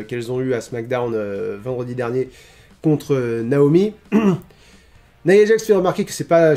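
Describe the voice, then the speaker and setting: Brief: chatty male streamer, fairly high voice, mellow tone, halting casual recap. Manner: hesitant, many restarts, chatty. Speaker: streamer reviewing wrestling. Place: home streaming setup. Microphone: streaming microphone.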